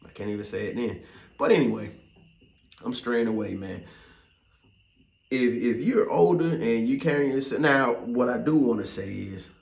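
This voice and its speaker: A man's voice: medium pitch, expressive, moderate pace, creaky, long pauses, darkish tone, roomy sound. A middle-aged man as podcast host, talking in a loose, profane, rambling way with many fillers. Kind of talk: casual monologue.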